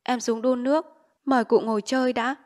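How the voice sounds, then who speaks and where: A woman's voice: a little high, steady tone, normal speed, lightly acted. A woman reading a novel aloud and voicing an anxious old landlady who pleads deferentially. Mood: placating. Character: anxious old landlady, placating and quick-witted. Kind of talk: audiobook character voice.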